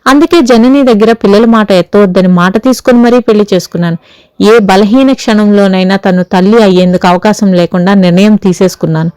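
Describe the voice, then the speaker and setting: In this audio storybook, a haunted young husband speaks in an earnest, confessional way, as a woman reads him. The voice stays smooth and clear, set close and dry, with no room around it. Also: mid-range voice, brisk, a little mellow, dry recording, natural voice, low-quality recording.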